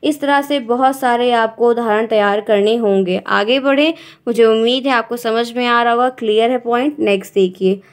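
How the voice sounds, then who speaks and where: A woman's voice: a little high, normal speed, clear, resonant tone. A woman teacher, giving an exam-prep grammar lesson and explaining step by step while checking in with her students.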